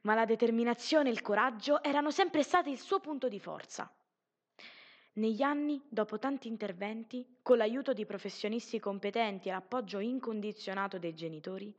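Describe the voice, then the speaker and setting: A woman reading a story aloud as a narrator, in a gentle, measured way with slow, emphatic pauses. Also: medium pitch, muffled recording.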